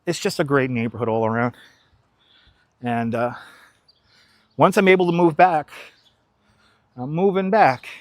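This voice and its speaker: Walking city streets, a young New York City livestream host talks casually to his viewers, chatty and opinionated. His medium-pitched voice moves at a measured pace and pauses often. The wireless clip-on mic recording has no echo.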